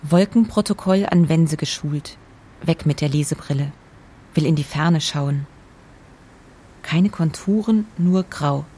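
A woman's voice: sits low, unhurried, pauses often, mellow, breathy edge. A woman author narrating fragmentary, contemplative notes in a literary radio feature.

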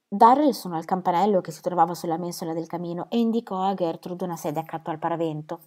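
A woman reading a novel aloud in a measured, expressive narration. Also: lowish voice. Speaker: reader.

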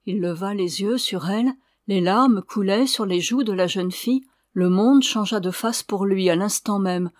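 A woman narrating a novel as an audiobook reader, in a measured, clear manner. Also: medium pitch, darkish tone, dry recording, clean studio sound.

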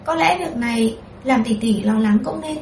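A woman voicing a scheming imperial consort who talks softly and sweetly, in a roomy, distant recording. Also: on the high side, normal speed, a little hiss or hum, natural voice. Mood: honeyed. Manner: soft-spoken, sweetly persuasive.

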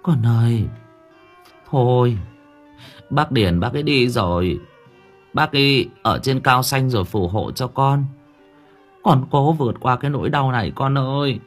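A man voicing a kindly middle-aged village mother who speaks softly and lamentingly. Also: mid-range voice, expressive, normal speed, faint music behind, lightly acted. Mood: soothing. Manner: soothing, lamenting.

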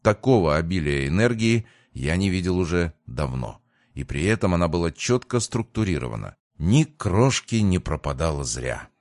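Deep-voiced male audiobook narrator. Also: big pitch swings, normal speed, darkish tone, dry recording, clean studio sound. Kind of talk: first-person audiobook narration.

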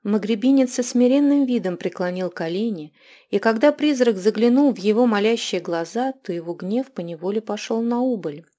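A woman narrating a dark fantasy audiobook in a measured, even reading. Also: mid-range voice. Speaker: audiobook reader. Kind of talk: scripted narration.

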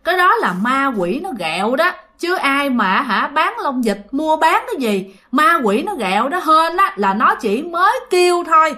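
A woman's voice: high-pitched, sharp tone, full character voice. A woman with a Southern Vietnamese accent playing a stern old grandmother who hurries and scolds her grandchild. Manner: urgent, scolding commands.

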